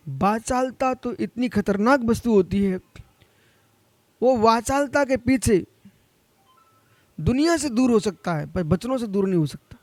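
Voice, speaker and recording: High-voiced man preaching a stern sermon. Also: no room sound. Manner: admonishing, addresses listeners directly. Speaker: Jain monk.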